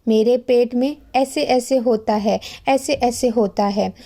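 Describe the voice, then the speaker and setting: A woman's voice: on the high side, slow pace, mellow. A woman reading the lines of a flustered father telling how his son fell ill. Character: father of a sick boy.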